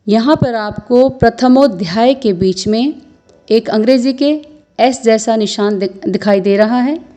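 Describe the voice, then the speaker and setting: A woman teaching Sanskrit verse recitation, patiently chanting each line slowly and then explaining pronunciation. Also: on the high side, warm tone. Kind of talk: slow instructional recitation.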